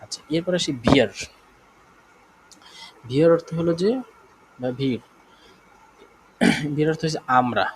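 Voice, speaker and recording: Explaining German slowly to a live online class, a man with a Bangladeshi Bengali accent repeats key points and frequently checks on his students' understanding. His mid-range voice has lively intonation, and the poor audio carries a little hiss or hum.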